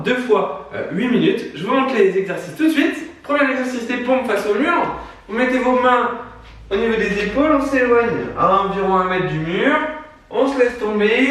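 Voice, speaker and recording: A man coaching a home workout class, counting out moves and giving brisk instructions, out of breath. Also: extremely high pitch, fairly bright tone. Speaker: fitness coach. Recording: echoey room, far from the mic.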